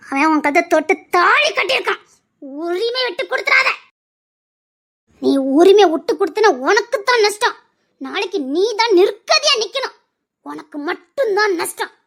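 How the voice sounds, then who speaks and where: A woman playing a very high-voiced bitter abandoned wife. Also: lively intonation, moderate pace, long pauses, a bit bright, exaggerated voice. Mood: urging. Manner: emphatic, lecturing, repeats her warnings. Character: bitter abandoned middle-aged wife, forceful adviser. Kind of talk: Tamil serial drama acting.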